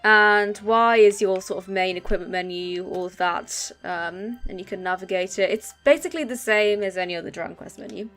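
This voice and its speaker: A woman's voice: medium pitch, moderate pace, few pauses, a bit bright, soft background music. A woman giving casual let's play commentary, explaining game controls with many ums. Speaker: gaming channel host.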